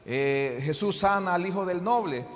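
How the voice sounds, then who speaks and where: A man's voice: high-pitched, lively intonation, normal speed. A man preaching a sermon as pastor, with many hesitant fillers, lifting his voice to fervent cries when he quotes pleas from scripture. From Honduras. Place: church hall. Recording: long hall reverb.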